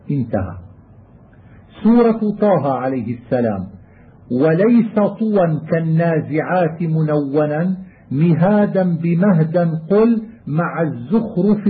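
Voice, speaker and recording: A man teaching Quran recitation readings, chanting verse lines and then explaining each one plainly. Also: fairly high pitch. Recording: tinny phone-like audio.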